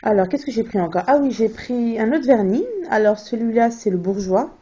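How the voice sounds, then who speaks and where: A young beauty vlogger with a slightly high, mellow, husky voice chats at a moderate pace about her latest beauty finds. The haul talk is hesitant, studded with fillers and restarts, and recorded as a dull, lo-fi phone video.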